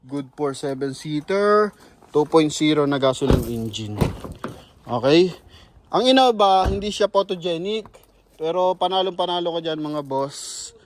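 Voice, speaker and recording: A man with a Filipino accent giving a casual walkaround sales pitch on a car lot, chatting to viewers and calling them "boss". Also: background noise. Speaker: used car sales presenter.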